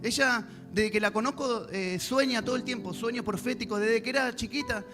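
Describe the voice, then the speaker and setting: A man's voice: very high voice, brisk. A male pastor, preaching a sermon to a congregation and acting out prayers and God's replies. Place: church service. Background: music.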